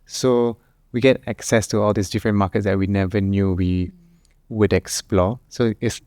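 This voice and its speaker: An earnest man with a voice a bit low for a man, recorded close and dry. He speaks as a startup founder in a relaxed panel chat, thinking out loud as he goes. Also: normal speed, clean tone, dry recording.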